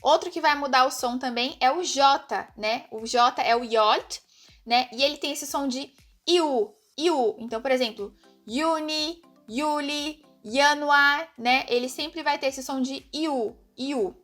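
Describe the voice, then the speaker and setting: A Brazilian woman teaching German pronunciation in an online lesson, explaining step by step and repeating example words slowly. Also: high-pitched, soft background music.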